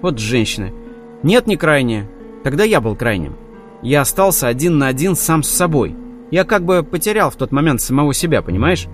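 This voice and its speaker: A man's voice: on the high side, lightly acted. A man reading the part of a weary, disillusioned would-be savior in an audiobook, brooding and self-pitying.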